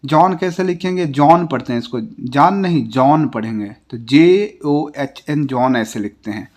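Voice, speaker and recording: An Indian man teaching a classroom lesson, spelling words out letter by letter in a slow, patient way and dropping his voice at the end of each example. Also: fairly high pitch, animated. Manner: ends each example with a falling tone.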